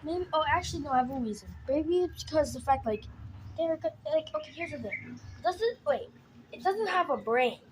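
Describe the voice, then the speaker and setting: A woman's voice: high-pitched, animated, a little fast, slight background noise, poor audio. A woman giving casual reaction commentary, rambling and stumbling over her words. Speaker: video reactor.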